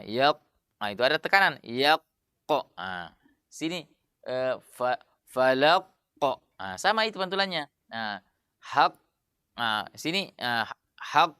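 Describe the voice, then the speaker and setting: A man teaching Quran recitation rules in a casual lesson, explaining with many fillers and then chanting verse examples slowly and drawn out. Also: medium pitch, bright, forceful tone, clear, resonant tone, no room sound, clean studio sound.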